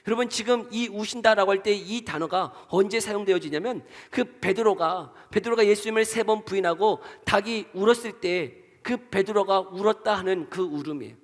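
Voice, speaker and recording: A male pastor preaching a sermon, asking the congregation questions, answering them himself and leading them in reading verses aloud, swinging between loud emphatic lines and soft, hushed ones. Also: high-pitched, normal speed, hardly any pauses. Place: church sanctuary. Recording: church hall reverb.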